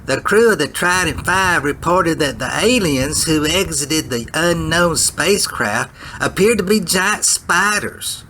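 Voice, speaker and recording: An actor playing a brisk, easily flustered military briefing officer in a 1950s sci-fi parody. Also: male voice, on the high side, animated, pushed and bright, a little hiss or hum, low-quality recording. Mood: businesslike.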